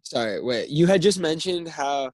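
A man's voice: fairly high pitch, animated, moderate pace, dry recording. A young man talking as a podcast guest in casual chat, rambling and filling his speech with "like". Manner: rambling, heavy use of filler "like".

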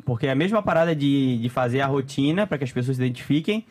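A young man appears as a podcast guest, chatting casually and telling stories with animation. He speaks fast at a medium pitch, using lots of slang and laughing frequently.

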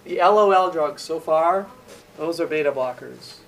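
A man's voice: on the high side, normal speed, far from the mic. Man lecturing in an echoey hall. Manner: asks questions then answers them. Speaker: pharmacology lecturer. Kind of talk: classroom lecture with questions to students. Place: lecture room. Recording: echoey room, voice from afar, faint hiss.

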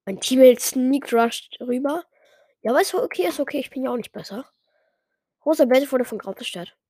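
A woman's voice: high voice, normal speed, dark tone, dry recording, clean studio sound. A woman giving casual, self-mocking commentary while playing a game, muttering some lines under her breath. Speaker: gamer.

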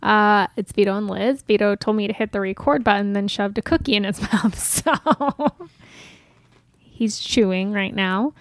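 A woman's voice: medium pitch, unhurried, dry recording. Woman co-host, casual teasing banter, giggly, dry close mic. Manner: teasing, laughs often. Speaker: podcast co-host. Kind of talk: casual chat.

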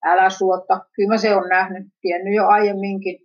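A woman's voice: mid-range voice, level tone, natural voice. Brief: a woman playing a nosy, teasing sister, dull lo-fi recording. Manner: teasing, suspicious questioning. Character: teasing, prying older sister.

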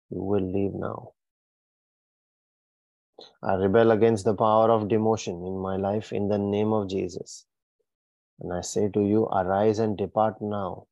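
A man's voice: on the low side, warm tone, no echo, dull audio. A man leading a fiery deliverance prayer, issuing commanding declarations in bursts. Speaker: prayer leader.

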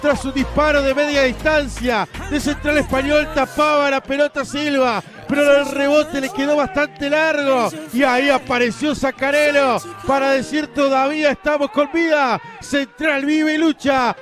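High-pitched breakneck Uruguayan goal commentator, man. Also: flat delivery. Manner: shouts drawn-out goal calls, emphatic and theatrical. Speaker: football play-by-play commentator. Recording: radio broadcast with music and crowd.

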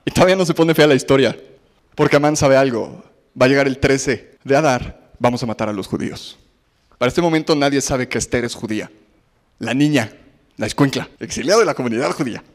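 A man's voice: mid-range voice, brisk, big-room sound. A man with a Mexican Spanish accent preaching a sermon, retelling a Bible story in a chatty way and asking the audience questions.

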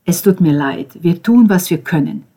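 A woman's voice: on the low side, lively intonation, normal speed, mellow, slightly rough. A woman voicing a shy apologetic doctor. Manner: polite, apologetic, slightly hesitant. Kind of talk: audiobook character voice.

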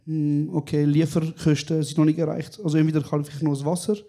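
Speaking fairly quickly with a fairly high voice and some vocal fry, a young Swiss German-accented podcast co-host spins lively stories during a live recording at a small venue. "Bro" pops up in almost every sentence of his casual chat.

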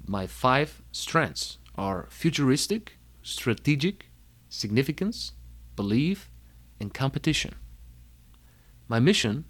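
A young Bulgarian man with a Bulgarian accent and a mid-range voice tells his life story in a personal talk. He's emphatic and energetic, listing words one by one.

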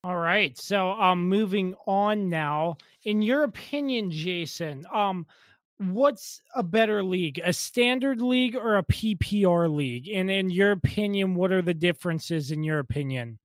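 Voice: medium pitch, lively intonation, a little slow, no echo. Podcast host, hesitant questions, fillers, dry close sound. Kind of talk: casual podcast interview.

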